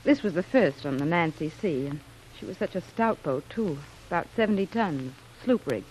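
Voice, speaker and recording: An actress in a 1940s radio drama plays a plucky, shipwrecked young wife spinning a cover story, telling her tale with earnest feeling. Her fairly low voice has lively intonation, a darkish tone, a natural quality, and normal speed. The vintage recording is noisy.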